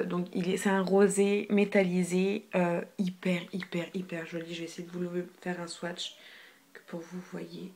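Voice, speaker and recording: Chatty young woman reviewing makeup. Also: lowish voice. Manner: chatty, filler-heavy, repeats hyper, drops to near whispers. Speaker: beauty vlogger. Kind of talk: casual product haul review. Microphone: phone camera.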